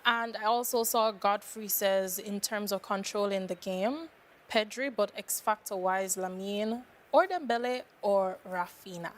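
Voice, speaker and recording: A woman co-hosting a live football stream, reading out viewer comments in a relaxed, giggly way. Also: medium pitch, measured pace. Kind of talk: casual chat on a live sports stream.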